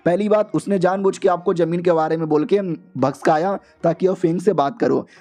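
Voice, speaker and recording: A smug little boy who thinks he is a detective, laying out clues one by one, as a man voices him. He sounds high and soft-toned, and boastful about being the smart one. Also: fairly quick, soft background music, lightly acted. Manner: boastful, explains things point by point. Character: cocky clever little boy, a know-it-all.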